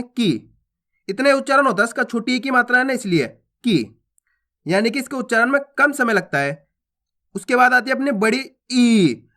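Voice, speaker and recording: Brief: male Hindi tutor, high and bright, patient explainer who repeats sounds and checks understanding. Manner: patient, repeats each sound and asks questions. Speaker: Hindi teacher. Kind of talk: explaining a spelling lesson.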